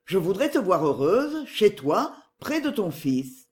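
Pushy, falsely tender middle-aged brother, voiced by the narrator, close to the narrating voice, lively in pitch. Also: slow. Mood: wheedling.

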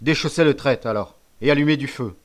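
A man's voice: medium pitch, a little fast, natural voice. Man doing a furious boy gang chief. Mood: stern. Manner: shouting, commanding, threatening.

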